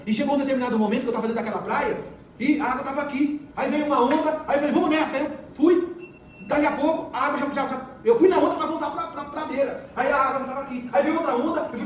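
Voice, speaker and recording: A man's voice: very high-pitched, fast talker. A middle-aged man giving a motivational talk, telling stories emphatically and repeating phrases for force. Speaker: motivational speaker. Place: large echoey event hall. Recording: echoey hall, mic far off, faint noise.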